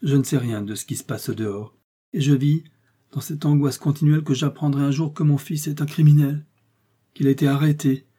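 A man's voice: on the high side, fairly even intonation, fairly quick, dark tone, breathy edge, pitched above the performer's own voice. A man voicing a sick, bedridden mother who tells her sorrows in a fearful, grieving way, read as an audiobook story. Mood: anguished.

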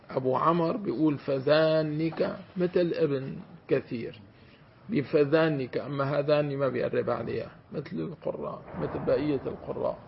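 Gravelly sheikh lecturing students. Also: male voice, on the high side. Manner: stretches out words to demonstrate them, checks that students follow. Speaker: sheikh teaching Quranic commentary. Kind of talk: classroom lecture on grammar. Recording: dull lo-fi recording with faint hiss.

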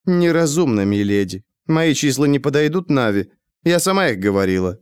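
A man voicing a tired, shrewd young woman who speaks quietly and formally. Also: medium pitch, very animated, normal speed, clean tone, dry recording, clean studio sound, pitched above the performer's own voice, lightly acted. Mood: weary. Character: weary, shrewd young woman, half asleep.

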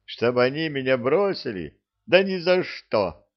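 A man's voice: mid-range voice, big pitch swings, unhurried, lo-fi sound, voice pushed up. A man voicing a whiny, tearful young knight who whimpers as he speaks. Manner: whimpering, sobbing speech.

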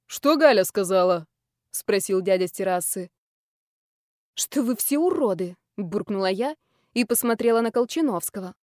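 A woman narrating a romantic novel in the first person with lively storytelling. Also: on the high side, no room sound, clean studio sound. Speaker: audiobook reader. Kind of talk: audiobook narration.

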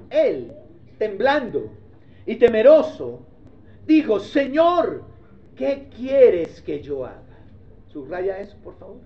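High-voiced pastor, dull recording. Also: male voice. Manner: swings from low, quiet asides to loud, pleading outbursts; acts out the doubter's and the seeker's voices himself. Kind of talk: sermon.

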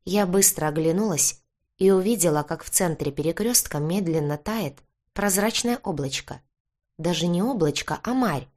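A woman reading a first-person fantasy story aloud in a wry, lively storytelling manner. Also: lowish voice. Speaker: audiobook narrator. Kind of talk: first-person fiction narration.

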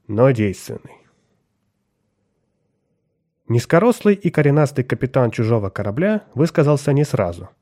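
Mellow-voiced man narrating a story. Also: mid-range voice. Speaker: audiobook narrator. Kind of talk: scripted narration.

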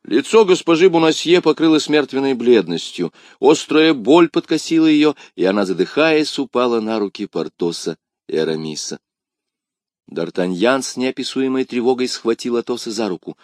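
A man narrates a classic adventure novel with vivid, dramatic expression. His pitch rises and falls freely, and the voice sits close and dry, with no room echo around it. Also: very animated, normal speed, a little mellow. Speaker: audiobook narrator.

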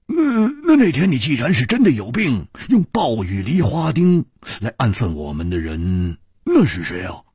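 Guy doing a loud excitable swordsman, high and fast, stammers a lot, husky. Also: no room sound, studio quality, full character voice. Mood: excited. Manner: loud, stammering, rapid bursts. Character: brash excitable young male swordsman.

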